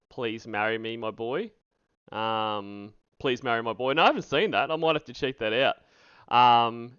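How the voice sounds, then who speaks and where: Reacting to recorded calls on his livestream, a host delivers mocking, sarcastic, profane commentary in a casual way. His mid-range voice is fairly bright and smooth, heard in a dry recording through dull lo-fi stream audio.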